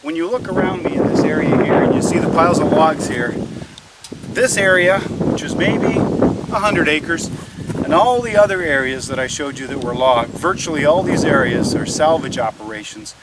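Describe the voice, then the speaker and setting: A man's voice: on the high side, normal speed. Distant, noisy outdoor recording of folksy man. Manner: folksy, full of wonder. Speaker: vlogger. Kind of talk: outdoor vlog talk to viewers. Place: outdoors in woods and a logged clearing. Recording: windy outdoor audio, far from mic.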